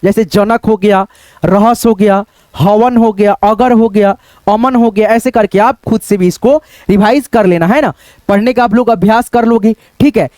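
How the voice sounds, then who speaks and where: Man, very high voice, patient teacher, spells words out slowly, dry close sound. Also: fairly even intonation, a little mellow, no room sound. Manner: patient, repeats words syllable by syllable, addresses viewers as friends. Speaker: Hindi reading and writing teacher.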